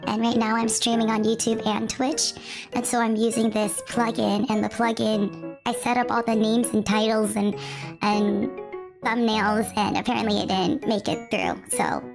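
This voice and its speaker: A woman's voice: a little high, little pitch movement, moderate pace, music in the background. A woman livestreamer chatting casually with her viewers, her voice run through a voice changer filter because illness has taken her own voice. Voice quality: gravelly. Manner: chatty and scattered, with frequent restarts and self-deprecating asides. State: lost voice from illness, speaking through voice mod. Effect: voice changer filter altering her voice. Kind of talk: casual chat with stream viewers.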